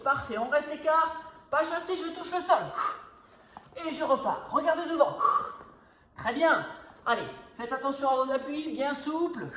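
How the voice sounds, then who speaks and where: A woman fitness instructor leading a workout, counting reps and calling out cues with energetic encouragement, a little breathy from exertion. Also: high-pitched. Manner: energetic, encouraging drill calls. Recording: echoey room, noticeable background noise.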